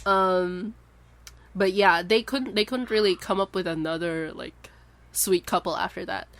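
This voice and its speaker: A chatty woman co-host of a casual podcast who laughs a lot and strings her thoughts along with "like." Her voice sits at an ordinary middle pitch for a woman. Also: a little slow, a bit bright, no room sound. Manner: chatty, laughs often, many "like" fillers. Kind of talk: casual chat.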